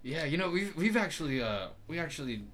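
High-voiced man cracking blunt jokes. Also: sing-song, a little fast, a bit bright, a little hiss or hum. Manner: blunt, joking interjections. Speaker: podcast host. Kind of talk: casual chat.

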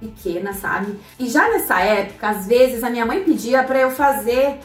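A woman with a fairly high voice tells her story in a relaxed, talkative way, turning to her listeners as she goes. She sounds set back from the microphone in an echoey room. Soft music plays underneath. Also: normal speed, distant mic. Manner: chatty, addresses listeners directly, many fillers. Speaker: storyteller sharing personal finance lessons. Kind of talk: casual personal storytelling to an audience.

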